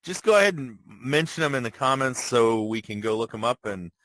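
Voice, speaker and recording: A man co-hosting a casual gaming podcast, halting and repeating words as he searches for them. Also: medium pitch, animated, fairly bright tone, no room sound. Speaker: co-host.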